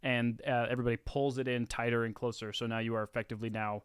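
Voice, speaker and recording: A man's voice: medium pitch, little pitch movement, fast, clear, resonant tone. An easygoing man narrating a tabletop game as game master, often restarting his phrases. His voice sits in a middle register. The recording is dry, with no room echo.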